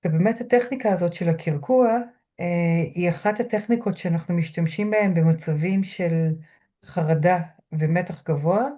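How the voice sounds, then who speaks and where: A woman lecturer speaking from home through a computer mic, guiding listeners through a grounding exercise in a slow, measured way with soft pauses. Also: fairly low pitch. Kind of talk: calm guided lecture. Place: home room.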